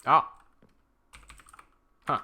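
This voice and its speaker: The recording is muffled, and the man draws out his words. With an American accent, he chats casually on a live stream, reading viewer questions and answering as he goes while fiddling with software.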